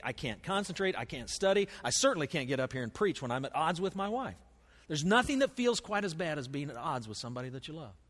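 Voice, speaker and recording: Male pastor, sermon, bright high voice, very lively pitch, long hall reverb. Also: slightly rough. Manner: animated, acts out voices, drops to hushed asides. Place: church sanctuary.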